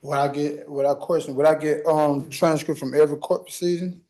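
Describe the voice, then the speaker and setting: A man's voice: fairly high pitch, steady tone, fairly quick, warm tone. A man speaking as a self-represented defendant, in an insistent, formulaic way with non-standard grammar. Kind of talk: recited legal statement and courtroom replies. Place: courtroom.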